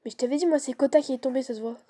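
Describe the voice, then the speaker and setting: Bright, slightly husky woman game streamer. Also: high voice, rapid-fire. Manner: slangy, chatty, reacting to the game as it happens. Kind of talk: casual co-op horror game commentary.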